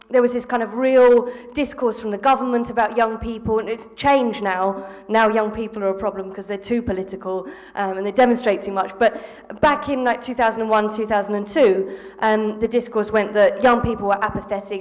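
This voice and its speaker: A woman in her thirties from England, a panel guest speaking earnestly into a handheld mic, with many ums and restarts. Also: medium pitch. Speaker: panel guest, former school strike organiser. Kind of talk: live panel discussion. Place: theatre stage before an audience. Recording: long reverb of a theatre hall.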